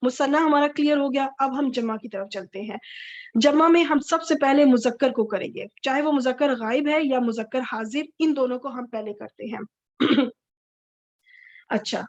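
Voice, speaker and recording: A woman's voice: high-pitched, darkish tone. A woman teaching a Quranic Arabic grammar lecture, patiently repeating verb forms and stressing their endings. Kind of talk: recorded online grammar lecture. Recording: dull lo-fi recording.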